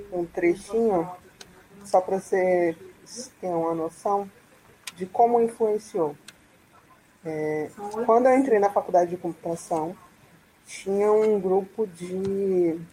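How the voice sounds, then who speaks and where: A woman from Salvador, speaking as a guest on a video call in a halting, thoughtful way with many restarts. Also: fairly low pitch, dark tone, slight background noise, rough recording. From Salvador, Brazil. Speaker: guest panelist. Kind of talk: casual live-stream discussion.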